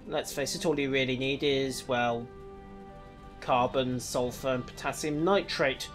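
A man's voice: mid-range voice, steady tone, a little slow, soft background music. A man casually commenting on his gameplay with dry, wry asides. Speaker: let's play host.

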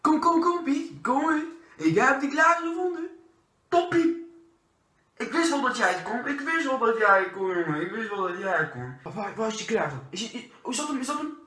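A man's voice: bright, forceful tone, a little hiss or hum, full character voice. A young man playing an eager, childish, goody-goody burglar in a comedy sketch, chirpy and repeating himself. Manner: high-pitched, chirpy, repetitive. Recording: roomy echo of a bare room.

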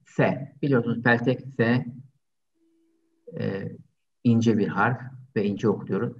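A man teaching an online language lesson, slowly drilling pronunciation and patiently repeating each word several times. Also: on the low side, steady tone, gravelly. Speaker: Arabic teacher. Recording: distant, dull lo-fi sound.

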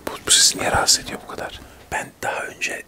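A man in his thirties doing a whispered role-play of a testy TV debate, arguing insistently in a breathy whisper. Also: quick pace. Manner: whispering throughout, argumentative, insistent. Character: testy male TV debate guests squabbling in whispers. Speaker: ASMR creator acting out a debate show.

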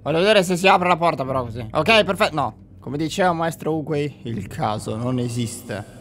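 A young man giving jokey, excitable let's play commentary on a horror game, talking to viewers and breaking into panicked yells. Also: on the high side, fairly quick. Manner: addresses viewers directly. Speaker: gamer playing a horror game.

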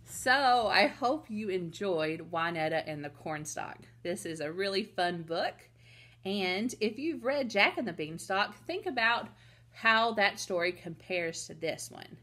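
A woman reading a storybook aloud to children in a slow, expressive way. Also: medium pitch. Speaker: storytime reader.

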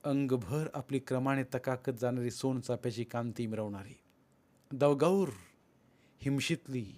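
A man narrating a literary short story in a measured, lyrical manner. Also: mid-range voice, darkish tone. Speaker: audiobook narrator.

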